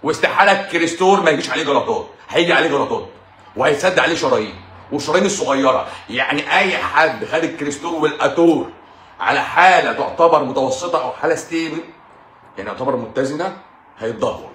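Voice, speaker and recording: A man's voice: a little high, expressive, fast, fairly bright tone, reverberant. A man with an Egyptian Arabic accent, a doctor hosting a live stream in a casual monologue, mocking and combative, repeating his points for emphasis.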